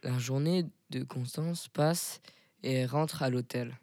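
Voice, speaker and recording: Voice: mid-range voice, unhurried, over music. A narrator telling the story of an amateur skit in a plain storytelling manner.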